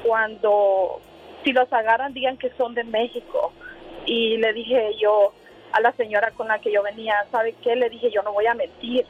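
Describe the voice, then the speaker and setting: A woman's voice: on the high side, level tone, moderate pace, slight background noise. Woman on a tinny phone line. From Honduras. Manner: hesitant, many fillers. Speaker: caller. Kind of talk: telling a personal story on a call-in show. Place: in a moving car.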